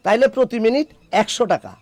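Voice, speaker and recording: Brief: a wisecracking young shopkeeper, high bright voice. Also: male voice, big pitch swings, quick pace, heavily acted. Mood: teasing. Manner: wry, bargaining, teasing. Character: cheeky young male phone-shop owner, a wisecracking stickler for rules. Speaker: phone shop owner.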